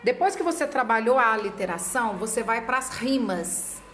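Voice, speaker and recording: A woman literacy teacher explains her classroom methods to fellow teachers, slowly and deliberately, sometimes acting out how she chants words with children. Her voice is a little high, bright and lively, heard in an echoey room with faint ambience and soft background music.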